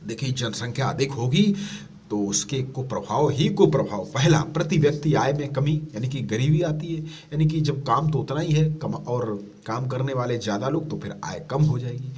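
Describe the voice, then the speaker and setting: A man teaching an exam-prep lesson, reading each question and then giving the answer in a lower voice, explaining patiently. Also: expressive, normal speed, a little mellow, far from the mic.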